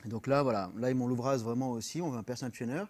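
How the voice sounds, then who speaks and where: A man with a French accent talks as a radio guest in a studio. He explains things earnestly but haltingly, with plenty of fillers, and slips English words in when he reaches for a term. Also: medium pitch, fairly even intonation, a little mellow. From France. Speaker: personal trainer, guest. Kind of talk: radio interview.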